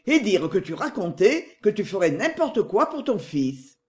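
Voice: medium pitch, big pitch swings, a little slow. A narrator voicing a fifty-four-year-old woman who snaps back at her brother impatiently. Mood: weary. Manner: sharp, impatient retorts.

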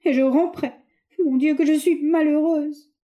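Tearful jealous young lady, put on by a female reader, high and strained. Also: fairly quick, warm tone, lo-fi sound, lightly acted. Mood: sobbing distress. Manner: tearful, pleading, accusing.

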